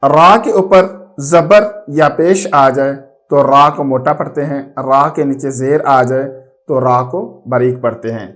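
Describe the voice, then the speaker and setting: A man teaching a Quran reading lesson, explaining patiently and slowly drawing out letter sounds to demonstrate them. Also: mid-range voice, fairly bright tone. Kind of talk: instructional lesson.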